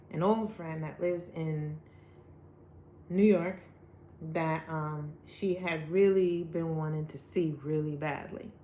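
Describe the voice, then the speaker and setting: A woman's voice: on the low side, slight background noise. Earnest woman telling a testimony. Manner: earnest, animated storytelling with acted-out quotes. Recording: echoey room.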